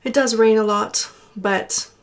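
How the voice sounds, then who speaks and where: A middle-aged woman from Portland, Oregon, with an accent that drifts between American and British, telling her life story to camera in a chatty, halting way. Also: fairly high pitch, steady tone. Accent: mixed American and British. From Portland, Oregon, United States. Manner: warm, chatty, slightly halting with fillers.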